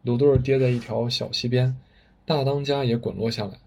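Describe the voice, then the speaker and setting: A man's voice: medium pitch, steady tone, brisk, darkish tone. A man telling a story with vivid, dramatic narration. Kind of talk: spoken storytelling.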